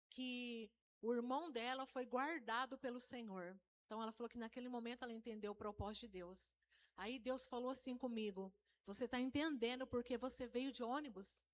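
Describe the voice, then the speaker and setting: A middle-aged woman from inner São Paulo giving a storytelling testimony to a live church congregation, often calling out to the brothers. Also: a little high. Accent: Brazilian Portuguese, interior São Paulo. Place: church hall, live service.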